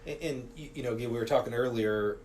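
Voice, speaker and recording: A middle-aged man hosting a podcast, chatting in a relaxed way with lots of fillers. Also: mid-range voice, fast talker. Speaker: podcast host. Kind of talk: casual interview talk. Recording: faint background noise.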